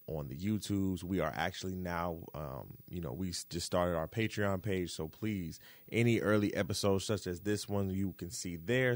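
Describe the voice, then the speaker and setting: A man's voice: low voice, gravelly, dry recording. A man hosting a music podcast in casual, hyped, slangy talk, effusive and repeating phrases for emphasis. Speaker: podcast host.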